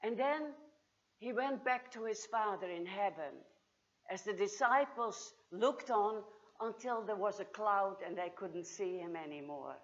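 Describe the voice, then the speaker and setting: A woman performing a dramatic first-person monologue as Mary Magdalene, moving between hushed and exultant, recorded in a church. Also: medium pitch, dull audio. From Australia. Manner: theatrical, swings from hushed to exultant. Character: Mary Magdalene, grieving then joyful woman.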